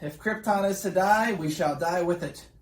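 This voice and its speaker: A man's voice: high voice, normal speed, natural voice. A man playing a pompous, dismissive council leader in an amateur old-time radio drama. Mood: pompous, skeptical. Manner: pompous, declamatory. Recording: roomy, distant, noisy with people around.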